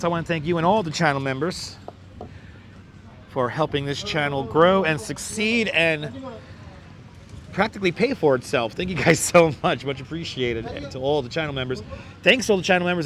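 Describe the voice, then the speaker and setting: Broadcasting from a beach boardwalk, a livestream host with a hoarse, crackly, squeaky voice and a fairly bright tone keeps welcoming viewers by name in a casual chat. The outdoor phone recording, made with a wireless clip-on mic, has faint traffic and city street noise behind it.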